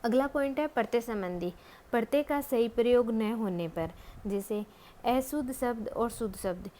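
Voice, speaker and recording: A woman giving a Hindi spelling lesson, speaking patiently and deliberately and pausing often to think. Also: fairly high pitch, mellow. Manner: patient, deliberate, many drawn-out hesitations. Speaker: Hindi grammar teacher.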